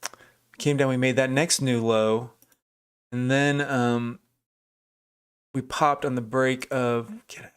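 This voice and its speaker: A man's voice: medium pitch, steady tone, takes it slowly, pauses often, smooth. A man commenting casually on a live trading stream, thinking aloud and answering chat viewers. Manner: thinking aloud, chatty, restarts, reads out chat names. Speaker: livestream day trader.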